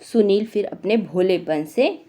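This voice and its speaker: A woman's voice: mid-range voice, lively intonation, measured pace, mellow. A woman teacher reading a textbook story aloud and explaining its words in simple terms.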